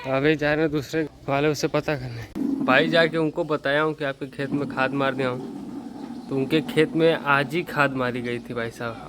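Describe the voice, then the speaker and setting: A fairly bright, high-leaning male voice comes with a little hiss or hum. He's a young vlogger from northern India speaking casually to camera outdoors among farm fields, then indoors at home. He's chatty and rueful, poking fun at himself and repeatedly using "bhai sahab" and "brother" for his viewers.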